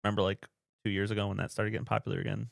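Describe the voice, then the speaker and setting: Podcast co-host, male, low gravelly voice, dry close sound, deadpan and rambling. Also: rapid-fire, dry recording. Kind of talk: casual chat about movies.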